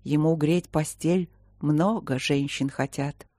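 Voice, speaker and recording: Brief: narrator playing a timid, grateful blind woman; quiet, slow, gentle, audiobook. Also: low-pitched, fairly even intonation, dry recording, clean studio sound. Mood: meek. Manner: soft, slow, meek speech.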